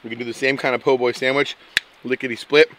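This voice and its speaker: Talking fast at a medium pitch with a level tone, this man chats casually with his viewers as an outdoor camping and fishing vlogger. His manner is folksy, playful and exuberant, packed with quirky slang, and music plays over a noisy background.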